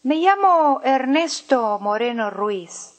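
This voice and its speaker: A brave, quick-witted young boy from a storybook, speaking calm and sure of himself, as a woman voices him. His voice sits fairly high and he takes his time.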